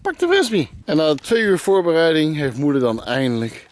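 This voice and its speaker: Joking vlog dad filming outdoors. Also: male voice, on the high side, huge pitch swings, moderate pace. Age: 30s. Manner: joking mock-announcer banter. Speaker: vlogging father. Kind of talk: casual family vlog. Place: outdoors at a campsite. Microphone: handheld camera behind the lens. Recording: background music under voice.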